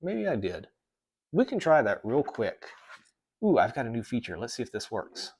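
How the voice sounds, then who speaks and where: Speaking into a desk microphone, a Southern-accented livestream host from the American South rambles through a casual tech stream, correcting himself and reading chat messages aloud. His medium-pitched, darkish voice has a sing-song lilt and a breathy edge, at normal speed.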